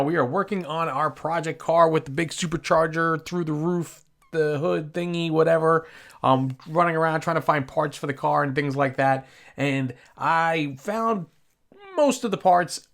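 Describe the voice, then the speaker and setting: Man, gravelly, game commentary, rambling, self-correcting. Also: fairly high pitch, fairly bright tone. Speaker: gaming channel host.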